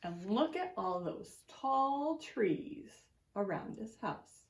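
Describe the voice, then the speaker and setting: An extension educator reads aloud to schoolchildren in a mid-pitched woman's voice. She is unhurried, stretching words for effect and delivering the story deliberately and expressively with swooping inflections.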